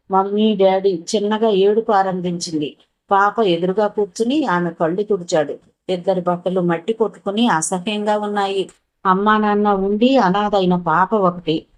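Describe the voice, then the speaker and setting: A woman narrating a novel in a steady, expressive storytelling manner. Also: mid-range voice, rough recording.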